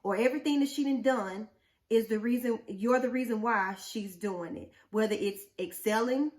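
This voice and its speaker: A woman's voice: fairly high pitch, moderate pace, a little mellow. A woman, talking casually as a show co-host. She speaks bluntly and with animation. She throws rhetorical questions at the listener. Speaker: podcast co-host. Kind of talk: casual chat.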